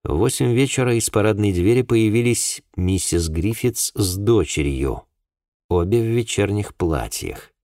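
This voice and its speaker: Deep-voiced male audiobook narrator. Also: animated, measured pace, dark tone, no echo, clean studio sound. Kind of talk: scripted first-person narration.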